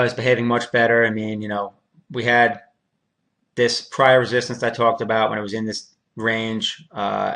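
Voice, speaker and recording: A man's voice: fairly low pitch, a bit bright. A man hosting a casual trading show, walking through price charts in a laid-back, slangy way with loose fillers. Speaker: crypto trader host.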